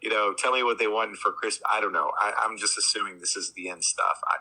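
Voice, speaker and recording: A man's voice comes through a phone held on speaker. His tone is low-pitched but very bright and cutting. He talks in a halting, stammering way and keeps starting his sentences over. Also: steady tone, rough recording. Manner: hesitant, stammering, repeats words. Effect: heard over a phone on speaker. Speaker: sibling called in as a guest. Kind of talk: casual phone chat.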